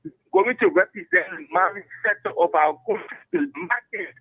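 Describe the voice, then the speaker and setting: A man's voice: sits high, wildly swooping pitch, moderate pace, creaky, husky, no echo. A man calling in to a radio talk show over a clipped phone line, arguing his point and repeating words as he searches for them. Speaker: caller. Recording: narrow dry phone line.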